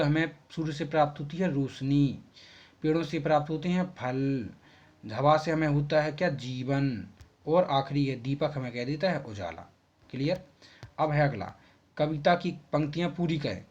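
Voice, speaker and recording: A man's voice: a little high, darkish tone. A man teaching schoolchildren, patiently working through textbook answers and checking in with them often. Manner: patient, repeats phrases and checks with "ठीक है". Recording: muffled, slightly husky lo-fi recording.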